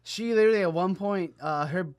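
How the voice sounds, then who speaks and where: A young man chatting casually as a podcast co-host, telling animated stories and laughing often. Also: high voice, fairly quick. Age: young adult. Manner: animated storyteller, acts out voices, laughs often. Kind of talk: casual chat.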